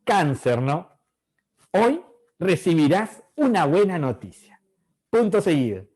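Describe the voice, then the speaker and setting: A man's voice: on the high side, sing-song, slow pace, darkish tone, husky. A middle-aged man teaching an online class, asking the students questions and acting out their voices.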